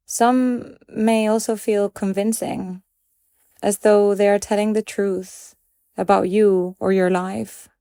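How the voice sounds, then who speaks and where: A woman guides a meditation calmly, gently and at a measured pace, pausing between phrases. Her voice is mid-range, and the recording is clean studio sound with no echo.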